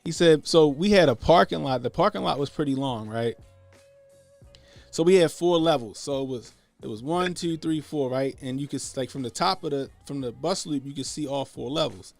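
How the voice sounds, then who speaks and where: Gravelly-voiced man telling casual stories. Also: medium pitch, normal speed, soft background music. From Baltimore area, USA. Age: 30s. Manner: profane, laid-back storytelling. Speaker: podcast host. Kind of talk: casual podcast chat.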